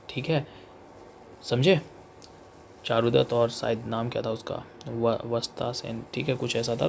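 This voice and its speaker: A young Indian man talks through exam questions in a relaxed, chatty lecture, reading the English lines slowly. His voice has a gravelly edge, sitting at an ordinary middle pitch. A faint hum runs underneath the recording. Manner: chatty, repeats "theek hai", reads English slowly. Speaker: exam coaching teacher. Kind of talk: casual explanatory lecture.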